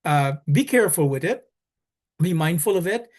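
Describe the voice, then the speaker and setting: A man giving practical advice on a webinar panel, pausing often with "uh" and restarting his sentences. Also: on the high side, lively intonation. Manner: hesitant, with many "uh" restarts, friendly advice. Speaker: advisor on a panel. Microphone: video call.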